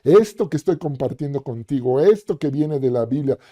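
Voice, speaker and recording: A man preaching a conversational sermon, acting out the quoted speakers and filling pauses with "ujú". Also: mid-range voice, expressive, mellow, highs cut off. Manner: conversational, acts out quoted voices, frequent "ujú" fillers.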